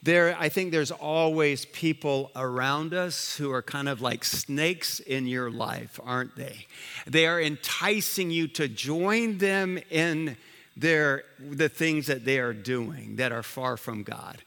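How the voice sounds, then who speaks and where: Male pastor, grew up in Liberia, bright forceful sermon voice, lively and chatty, long church-hall reverb. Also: fairly high pitch, slow pace. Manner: animated preaching with restarts and asides.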